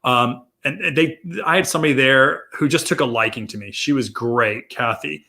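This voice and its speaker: A man's voice: medium pitch, moderate pace, gravelly, pushed and bright. A man co-hosting a marketing podcast, explaining ideas in casual chat and often restarting and repeating his phrases. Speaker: co-host, marketing consultant.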